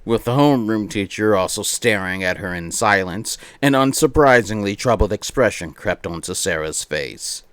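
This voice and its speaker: Reading a visual novel aloud for a livestream, this man mixes theatrical narration with excitable, playful banter. His voice is on the low side, clear and resonant, moving at a moderate pace with few pauses in a close, dry-sounding space.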